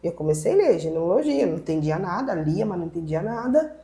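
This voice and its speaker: A woman pastor telling her personal testimony in a podcast conversation, animated and acting out what people said. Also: on the low side, fast talker. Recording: roomy echo.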